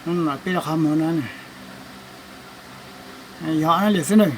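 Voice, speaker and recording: High-voiced man explaining a car repair. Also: normal speed, slight background noise, rough recording. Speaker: car mechanic. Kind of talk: casual hands-on repair demonstration. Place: garage or workshop.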